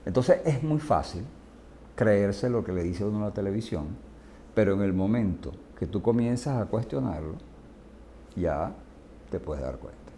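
A man's voice: on the low side, animated, unhurried, mellow, slight background noise. A man with a Venezuelan accent, a psychiatrist giving an interview, telling stories vividly and acting out what people said. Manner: vivid storyteller, acts out quoted speech. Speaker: psychiatrist guest. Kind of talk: storytelling interview answer.

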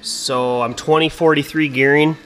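A man's voice: on the high side, faint music behind. A young man from Minnesota walking through the upgrades on his snowmobile in a garage workshop, talking casually with lots of fillers and recorded on a head-mounted action camera. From Minnesota, USA. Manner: relaxed and unhurried, many "uh" and "um" fillers. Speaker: snowmobile vlogger.

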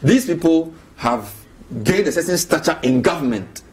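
A man's voice: a little high, lively intonation, a little mellow. Argumentative Ghanaian man on a panel. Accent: Ghanaian English. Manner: argumentative, lists names quickly. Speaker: political analyst. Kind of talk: live TV panel debate. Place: TV studio with city view.

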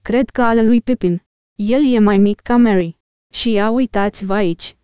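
A woman voicing a grim, determined male ranger leader in an audiobook, speaking in a steady, commanding way. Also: medium pitch, clean tone, no echo, lo-fi sound, close to an everyday voice. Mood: earnest.

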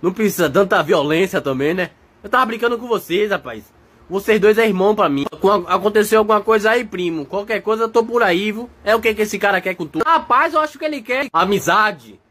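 A man voicing a brash, teasing male dog in a comic dub of animal videos, rowdy and quick to laugh. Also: high-pitched, expressive, a bit bright, slightly rough, full character voice. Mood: boastful. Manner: swings between mock threats and joking.

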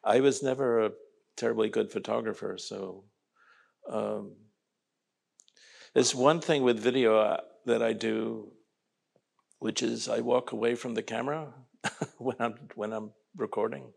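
Old guy in his 80s, gravelly husky voice, wry jokey artist at a panel talk. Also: mid-range voice, fairly even intonation, unhurried, pauses often. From New York. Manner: wry, joking asides.

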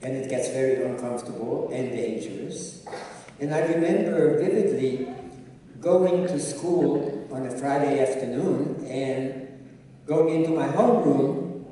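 An older man from Czechoslovakia, whose first language is Hungarian, gives a personal testimony as a guest speaker on an auditorium stage, telling his life story in a measured way directly to the audience. His voice is medium-pitched and dark-toned. Recorded from the audience off a handheld mic, the sound is distant and echoey with slight background noise.

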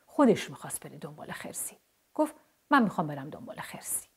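A woman voicing a small chatty toy rabbit creature in a children's storybook, eager and curious, with a high pleading voice. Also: big pitch swings, darkish tone, slightly rough, heavily acted. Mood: defensive.

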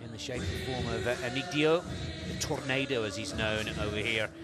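A man giving measured live boxing commentary in short, halting phrases. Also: medium pitch, loud music behind the voice.

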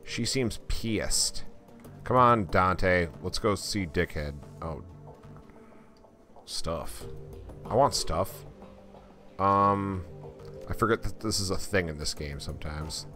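A man joking and swearing casually as he plays through a game and reads it aloud. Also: sits low. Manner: joking, profane, excitable. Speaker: gamer doing voice-over practice.

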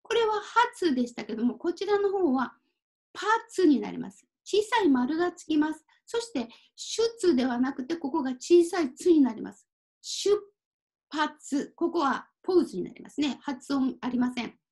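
A woman teaching a Japanese kanji reading lesson, speaking slowly and carefully, mixing in simple English explanations. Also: high-pitched, very animated, warm tone. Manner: apologizes and laughs at her own typo.

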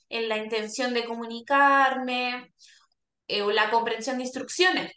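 A woman's voice: high-pitched, pushed and bright. A woman, a speech therapist explaining to caregivers in a workshop and often checking in with a questioning "¿ya?". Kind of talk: workshop talk. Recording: echoey room.

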